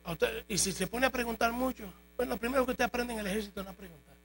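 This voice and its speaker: Gravelly animated preacher. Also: male voice, very high voice, fast talker, poor audio. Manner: animated, joking storytelling. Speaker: pastor. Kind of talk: sermon. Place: church. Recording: faint mains hum.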